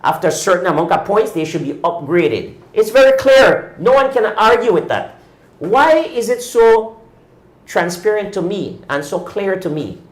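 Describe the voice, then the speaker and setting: The audio is poor and roomy, but the voice comes through high-pitched and sing-song at a moderate pace. It belongs to a fifty-something man hosting a cycling talk show, indignantly ranting and driving his points with rhetorical question after rhetorical question.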